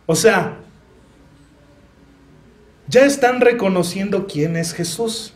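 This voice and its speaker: A man's voice: high voice, slow. A young man preaching a sermon in a Mexican Spanish accent, earnest and personal, often asking the congregation questions.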